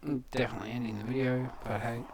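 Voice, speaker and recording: A man's voice: medium pitch, steady tone, fast talker. A man giving laid-back, rambling commentary over a video game, muttering asides to himself and sounding sleepy. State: sleepy, yawning. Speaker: gameplay commentator. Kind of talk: casual let's-play commentary. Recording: heavy echo from bad capture settings, background noise.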